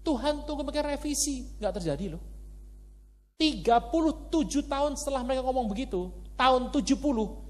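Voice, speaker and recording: A man's voice: very high voice, animated, a little fast, darkish tone, big-room sound. A man preaching a sermon in a church, talking animatedly and conversationally and putting rhetorical questions to the congregation. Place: church hall.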